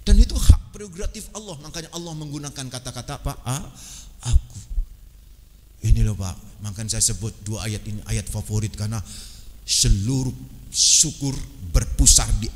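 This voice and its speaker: A man's voice: medium pitch, animated, moderate pace, a little hiss or hum. Javanese-accented guy preaching in a mosque, chatty, echoey hall. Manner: conversational, addresses audience as Pak, mixes in Javanese and chanted Quran verses. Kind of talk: mosque sermon.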